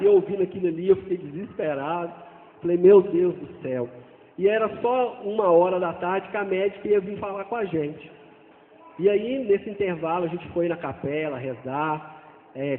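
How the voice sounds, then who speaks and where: A man with a fairly high voice gives an earnest personal testimony as a father. He speaks haltingly, stumbling and repeating phrases. The sound is tinny and phone-like, with a long echo from a big hall. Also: slight background noise. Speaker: father giving a church testimony.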